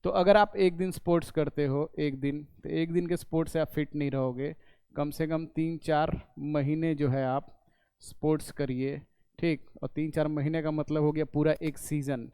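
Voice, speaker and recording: A man teaches an English lesson in a slightly high, mellow voice. His tone is smooth and resonant, recorded close in a dry room. He goes step by step, repeating points and answering his own questions. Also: fairly even intonation, normal speed, no room sound. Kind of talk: classroom lesson explaining in Hindi.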